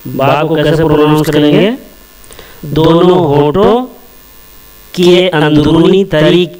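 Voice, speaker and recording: A man teaching a slow alphabet lesson, repeating each letter several times and explaining step by step where it is made in the mouth. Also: on the high side, fairly even intonation, darkish tone. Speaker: Arabic teacher.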